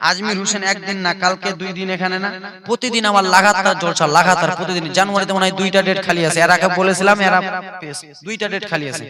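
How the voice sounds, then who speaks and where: A male preacher with a rural West Bengal accent, delivering an Islamic sermon at a village gathering. He speaks softly and conversationally, then lifts into melodic chanting and leads the audience in calls. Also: high-pitched, fairly even intonation, quick pace. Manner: talks softly to spare his voice, then swells into melodic chanting, leading crowd calls. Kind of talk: Islamic sermon, sung chanting mixed with speech. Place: outdoor village gathering with a crowd. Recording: live crowd murmur behind.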